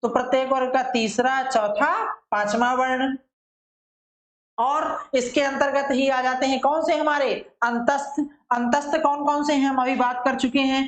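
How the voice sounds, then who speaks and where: A woman teacher giving a methodical lesson. She asks questions and answers them herself, and she draws syllables out slowly to demonstrate them. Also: sits high, steady tone, echoey room, low-quality recording. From India. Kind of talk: classroom-style lesson.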